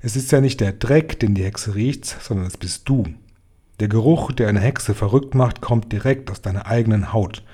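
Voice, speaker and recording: A man's voice: fairly low pitch, normal speed, warm tone, husky. A man voicing a stern, knowing old grandmother who gives grave, matter-of-fact warnings in a storybook. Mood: explaining.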